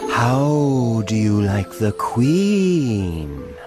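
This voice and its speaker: Low, drawling Cheshire Cat. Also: female voice, very animated, over music, exaggerated voice. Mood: sly, languid. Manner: slow, drawn-out speech. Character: sly, languid grinning cat in a storybook.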